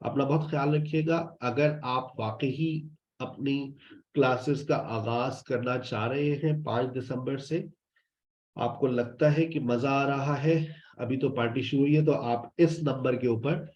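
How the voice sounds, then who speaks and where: Slow, fatherly male English teacher. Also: mid-range voice, fairly even intonation, darkish tone. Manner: repeats phrases to drill students, fatherly, addresses them as "beta". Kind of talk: online class explanation. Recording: roomy, dull lo-fi sound.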